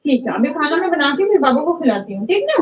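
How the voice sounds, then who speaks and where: A woman singer chatting casually with viewers on a livestream from her home. She talks easily with her audience and gently coaxes and soothes small children nearby. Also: high-pitched, very animated, fast talker. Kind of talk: casual live chat. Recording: dull lo-fi livestream audio with faint noise.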